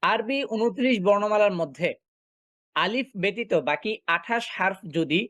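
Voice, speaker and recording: A man teaching a recitation class, explaining step by step and asking and answering his own questions, often pausing with filler sounds. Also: sits high, expressive, fairly bright tone, no room sound. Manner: frequent filler sounds while thinking. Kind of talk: online class lecture.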